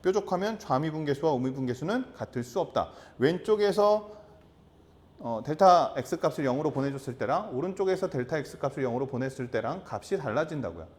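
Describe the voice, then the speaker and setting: A man's voice: a little high, lively intonation, normal speed, darkish tone. Male math teacher quizzing his class. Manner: repeats key terms and quizzes students with rhetorical questions. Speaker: high school math teacher. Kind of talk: classroom lecture.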